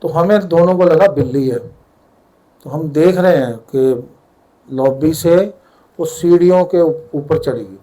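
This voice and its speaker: A man's voice: a little high, unhurried, long pauses, warm tone, poor audio. An older man with a Punjabi accent tells a story at a satsang, vividly acting out the dialogue. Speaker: devotee sharing a satsang story.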